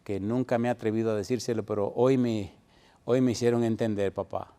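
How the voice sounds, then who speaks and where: A grown daughter speaks gently and with hesitation, her words quiet and careful, as a man acts her out in a sermon. The voice stays close to the speaker's own low register. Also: fairly even intonation, brisk, close to an everyday voice. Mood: hesitant.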